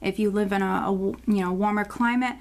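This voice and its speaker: A woman's voice: medium pitch, steady tone, a little fast, darkish tone. A woman giving a casual monthly tarot forecast. She is often out of breath and rambles, with many fillers and restarts. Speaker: tarot reader.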